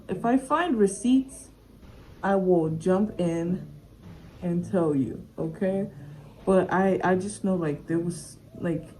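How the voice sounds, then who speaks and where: A woman's voice: mid-range voice, warm tone, rough recording. A young woman vlogger telling a casual storytime, chatty and full of fillers and restarts. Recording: faint background noise.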